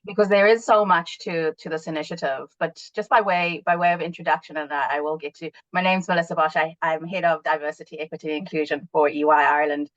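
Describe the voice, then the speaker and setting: A woman's voice: sits low, fairly even intonation, fast talker, hardly any pauses, fairly bright tone, dry recording, dull audio. A woman from South Africa, a panel guest answering earnestly and reflectively on a webinar. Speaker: panel guest, award winner.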